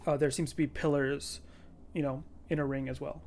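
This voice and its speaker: A game master improvising tabletop game narration in a halting, conversational way. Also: mid-range voice, level tone, darkish tone. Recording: clearly audible background noise.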